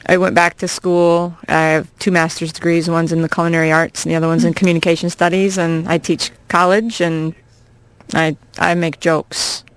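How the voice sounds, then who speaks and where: A woman in her forties from Iowa, a comedian guest chatting casually on a radio show, quick-witted and laughing often with animated punchlines. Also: fairly low pitch, clean tone, no echo. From Iowa, USA. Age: 40s. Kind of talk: casual radio interview chat.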